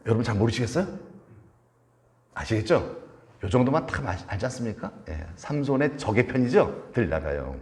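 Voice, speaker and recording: A male pastor gives a Friday prayer meeting sermon, pitch climbing and dropping with great liveliness. He tells the story in an animated way, asks the congregation questions and slips into short acted-out voices of the characters. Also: a little fast.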